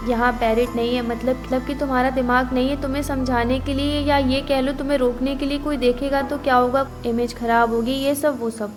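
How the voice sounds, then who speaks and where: A woman voicing a gentle, encouraging female talking bird in a spoken story. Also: high voice, level tone, brisk, hardly any pauses, over music, close to an everyday voice. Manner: encouraging, soothing.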